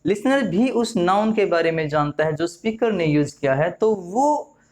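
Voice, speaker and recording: A man's voice: high voice, expressive, moderate pace, darkish tone. Man teaching grammar. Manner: repeats key words and asks the viewers questions. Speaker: English teacher. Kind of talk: classroom-style lesson explanation.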